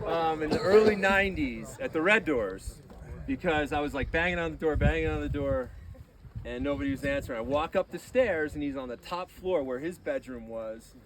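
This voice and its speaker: A man telling rambling anecdotes about a friend at a memorial gathering, getting animated as he relives the tense moments. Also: on the high side, normal speed, a little hiss or hum, rough recording. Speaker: eulogy speaker. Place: gathering on a deck.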